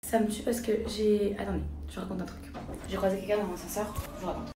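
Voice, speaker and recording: A young woman chats to her viewers in a casual, confiding vlog voice and often slips into soft, almost whispered asides. Her voice rings with a strong echo. Loud ambient noise runs behind her throughout. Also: mid-range voice, little pitch movement, fast. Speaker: lifestyle vlogger. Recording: echoey with loud background ambience.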